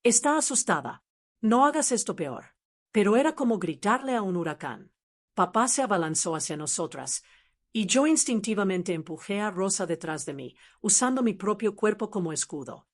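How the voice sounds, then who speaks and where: A woman reads a scripted first-person family drama aloud. Her voice sits at a medium pitch. She tells it in a dramatic, even storytelling manner. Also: moderate pace.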